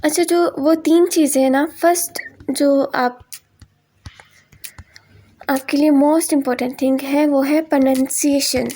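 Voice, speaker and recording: A woman's voice: high voice, fairly even intonation, slow, long pauses, mellow. A middle-aged Pakistani woman with a Pakistani accent and Urdu as her first language, teaching a spoken English lesson at a board. She explains step by step, mixing in English terms and often checking in with "ठीक है".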